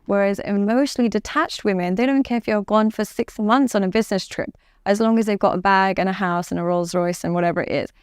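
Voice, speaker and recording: A woman coach from Dubai talks with firm, confident emphasis, leaning on repeated key words. Her voice is smooth and resonant, and the sound is close and dry with no room echo. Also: medium pitch, fairly even intonation, fast. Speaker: relationship coach. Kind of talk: podcast interview.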